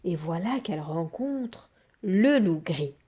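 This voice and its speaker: A woman reading a children's fairy tale aloud in an expressive, sing-song storytelling manner. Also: fairly low pitch, takes it slowly, slightly rough.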